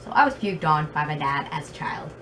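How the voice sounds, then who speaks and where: A woman's voice: low-pitched, expressive, a little fast. A woman with a very slight lisp telling stories in a casual, rambling, self-deprecating vlog style, recorded in her room. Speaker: video blogger. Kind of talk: casual chatty vlog storytelling. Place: bedroom at home. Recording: noisy room with fan, distant mic.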